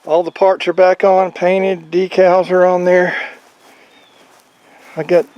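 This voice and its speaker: A man's voice: high-pitched, level tone, slow, smooth, no room sound, highs cut off. A man giving a casual, rambling video update on his motorcycle project, talking in a folksy, plain-spoken way outdoors. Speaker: motorcycle vlogger. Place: outdoors on a farm.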